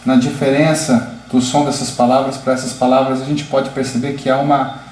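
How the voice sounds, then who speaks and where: A male teacher walks a class through pronunciation and shapes each example word with care. His mid-pitched voice sounds out in an echoing room, over a faint hum of background noise. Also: level tone, a little mellow. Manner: slow, deliberate, demonstrative. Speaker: English teacher.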